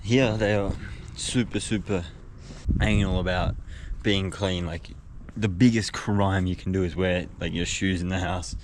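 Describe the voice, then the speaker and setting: Young swearing Aussie travel vlogger. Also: male voice, deep voice, steady tone, unhurried. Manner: casual, swears a lot, jokey. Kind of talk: casual vlog narration. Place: exploring historic buildings and a cave, partly indoors. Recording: noisy handheld travel recording.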